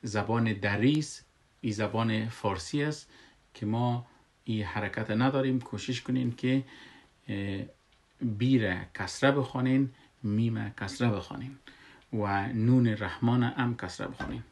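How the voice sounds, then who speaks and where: A man's voice: medium pitch, darkish tone. A man with an Afghan Dari accent teaching Quran recitation, patient and repeating words and examples so students can drill them. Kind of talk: tajweed lesson.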